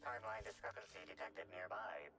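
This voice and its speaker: A precise analytical device from a video game, speaking in a very low register. It reports each clue formally, with clinical, matter-of-fact detachment. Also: male voice, lively intonation, a little fast, pushed and bright, dry recording.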